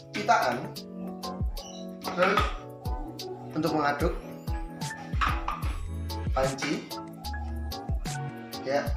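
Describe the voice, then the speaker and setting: A teenage male student gives an informal video demonstration in a halting way, as if thinking aloud. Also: a little high. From Indonesia. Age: teens. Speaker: high school student presenter. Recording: echoey room under clear music. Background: music.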